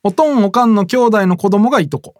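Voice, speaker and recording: A man's voice: high voice, a little fast, a little mellow, no room sound, clean studio sound. A man with a Kansai Japanese accent in a casual chat, talking bluntly in colloquial dialect. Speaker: podcast host.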